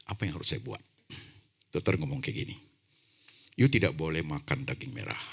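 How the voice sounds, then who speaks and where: Older man, pastor, deep voice, husky, animated sermon, hushed asides. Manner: animated, acts out dialogues, swings from loud to hushed. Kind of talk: sermon with personal story.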